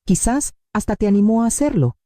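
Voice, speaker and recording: Woman, first-person story narration, very dark voice, dry close sound. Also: mid-range voice, lively intonation, a little fast, no echo.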